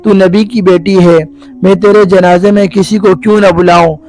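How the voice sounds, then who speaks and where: A man's voice: sits high, flat delivery, a little mellow, lightly acted, rough recording. A man reading a weeping, grieving husband. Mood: sorrowful. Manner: sorrowful, pleading questions.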